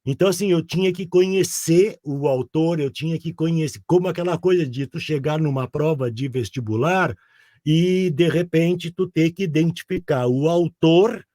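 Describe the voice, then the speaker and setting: In this dry, studio-quality recording, a man in his sixties from Rio Grande do Sul, southern Brazil, talks at normal speed in a dark-toned, fairly high voice. He has a Rio Grande do Sul Portuguese accent and is a guest in a casual interview, rambling and often checking in with "sabe?".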